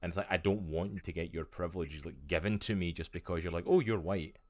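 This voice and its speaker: A man's voice: low voice, brisk, darkish tone, no echo. A Scottish man talking in a casual, rambling interview conversation with many restarts. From Scotland.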